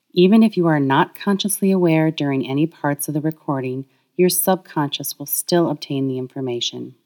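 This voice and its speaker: A woman reading a guided healing meditation, speaking slowly and softly in soothing affirmations. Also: sits low. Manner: slow, soft, soothing affirmations.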